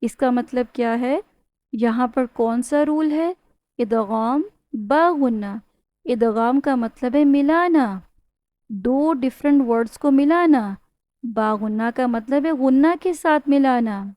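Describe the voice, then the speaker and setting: Female recitation teacher, high-pitched and warm, patient questioning style, long nasal demos. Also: no echo. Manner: patient, explains slowly with questions to students; draws out demonstration words with nasal humming. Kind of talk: Tajweed lesson, teaching step by step.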